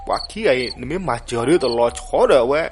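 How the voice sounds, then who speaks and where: A man narrating a folk legend, animated and switching voices for the characters. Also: mid-range voice, fast. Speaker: storyteller. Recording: noisy recording with crickets behind.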